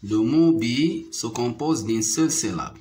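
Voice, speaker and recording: A man with a Moroccan accent teaching a French phonics lesson, repeating each word slowly and carefully. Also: medium pitch, animated, mellow. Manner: slow, deliberate syllable-by-syllable repetition. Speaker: primary school French teacher.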